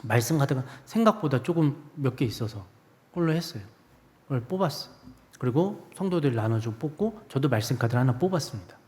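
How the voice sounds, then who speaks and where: A man preaching a sermon as a guest preacher, telling a personal story and acting out his own inner voice, swinging from loud to hushed. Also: mid-range voice, lively intonation, a little fast. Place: church sanctuary. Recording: preached in a church hall with long reverb.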